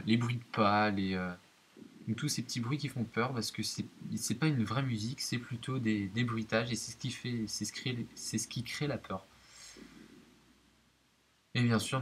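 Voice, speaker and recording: Hesitant man narrating gameplay, hissy recording. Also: fairly low pitch. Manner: hesitant, explanatory, addresses viewers directly. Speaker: video game commentator. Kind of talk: let's-play commentary of a horror game.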